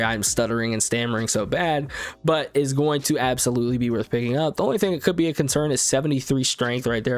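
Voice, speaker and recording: A man's voice: medium pitch, dry recording. A man giving casual commentary on video game cards, reading off long lists of stats and abilities with frequent fillers. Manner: rapid list-reading with fillers and restarts. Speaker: gaming YouTuber reviewing cards.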